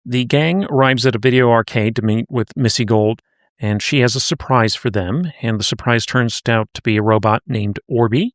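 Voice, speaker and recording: A man's voice: mid-range voice, moderate pace, no room sound, studio quality. A man co-hosting a podcast, recapping and chatting in a conversational storytelling way. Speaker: podcast co-host. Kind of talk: casual podcast chat.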